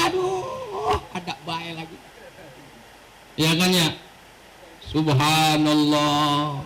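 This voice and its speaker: A male preacher giving an animated mosque sermon, joking and quoting Arabic texts. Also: extremely high pitch, low-quality recording. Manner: animated storytelling with jokes and Arabic quotations. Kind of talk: mosque study-circle sermon. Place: mosque hall.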